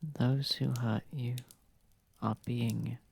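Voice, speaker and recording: In this ASMR roleplay, an actor voices a posh, protective vampire lord of a manor, gentle and soft-spoken yet quietly menacing. The medium-pitched voice is breathy, husky, and slightly creaky, steady in tone but exaggerated, and the delivery is unhurried, soothing, and slightly formal. A close microphone captures it dry.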